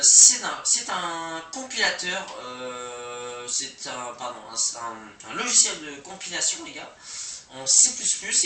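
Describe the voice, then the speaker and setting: Lively young man on a cheap echoey mic. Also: a little high, a little hiss or hum. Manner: slangy, rambling, self-deprecating, many fillers. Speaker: coding tutorial host. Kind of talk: casual screen-recorded coding lesson. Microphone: cheap microphone. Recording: poor mic, echoey room, distant.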